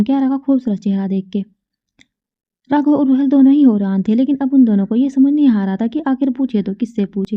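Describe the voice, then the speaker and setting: A woman reads a romance story aloud at a brisk pace and restarts when she stumbles. Her voice sits a little high. The recording is narrow and lo-fi, like a phone call. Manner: brisk reading with slips and restarts. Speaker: story narrator. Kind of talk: audiobook narration.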